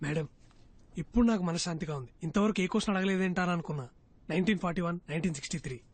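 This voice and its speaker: An actor playing a talkative job candidate who answers questions glibly and pleads his case, in dubbed film dialogue. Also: high-pitched. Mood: earnest. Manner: glib, fast-talking, pleading. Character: cocky talkative young male job applicant.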